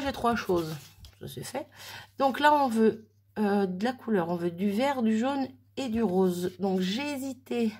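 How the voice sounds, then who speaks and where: A woman's voice: medium pitch, darkish tone, husky. A woman chatting casually as she demonstrates a craft project at home, thinking aloud and poking fun at herself. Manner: chatty, self-deprecating, thinking aloud while working. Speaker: crafter demonstrating mixed-media art. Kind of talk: casual craft tutorial narration. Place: home craft room with oven running in background.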